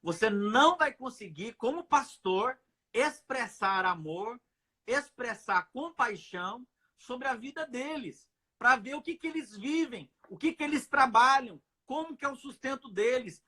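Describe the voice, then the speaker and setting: A man's voice: extremely high pitch, expressive, a little slow, sharp tone, breathy edge. A man from Brazil who is a pastor, telling his story in a live video chat in an earnest way, repeating words and often ending with "né?". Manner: earnest, repetitive, asks "né?" often.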